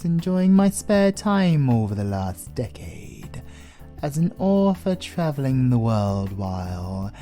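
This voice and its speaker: A British man voices an ancient, suave vampire lord in an intimate horror audio roleplay, menacing and flirtatious, his teasing delivery deliberate and often sinking to a whisper. His mid-range voice is sing-song and dark, amused and suave, over soft background music.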